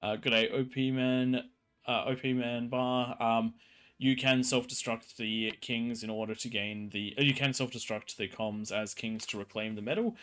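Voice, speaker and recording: A man hosting a game livestream, casually explaining things in a halting way, often rephrasing as he goes. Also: mid-range voice, fairly even intonation, fairly bright tone, clean tone. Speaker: stream host, commentator.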